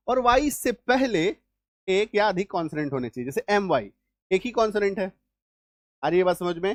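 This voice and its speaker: A man's voice: high voice, dry recording. A man teaching English spelling rules, repeating points and often checking that the students follow. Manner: repetitive, checks understanding often. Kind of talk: classroom-style spelling lesson.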